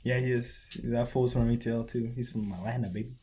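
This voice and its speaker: Joking young podcast co-host. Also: male voice, mid-range voice, fairly even intonation, brisk, warm tone, husky. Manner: swearing, joking, chanting lyrics. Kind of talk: casual chat.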